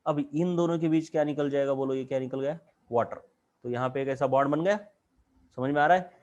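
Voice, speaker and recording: A man's voice: mid-range voice, a little fast, a little mellow, lo-fi sound. A man with an Indian accent teaching chemistry in a classroom lecture, drawing at a board and asking the class question after question.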